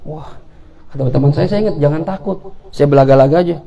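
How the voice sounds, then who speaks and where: A man's voice: on the high side, quick pace, vocal fry, lo-fi sound, a crowd in the background. A man giving an Islamic sermon, telling stories animatedly and acting out the dialogue with jokes. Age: 40s. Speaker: preacher. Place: event hall.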